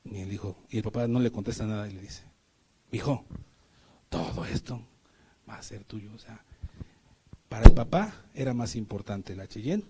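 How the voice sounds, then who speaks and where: A man's voice: mid-range voice, mellow, husky. A middle-aged man with a Mexican Spanish accent preaching a sermon, emphatic, often asking the congregation rhetorical questions.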